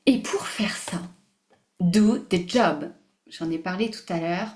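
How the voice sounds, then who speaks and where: A woman hosting a live online masterclass, animated and emphatic, repeating phrases, mixing in English words and laughing often. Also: on the low side, slow pace. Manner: mixes English words into her speech. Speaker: masterclass host. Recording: roomy echo.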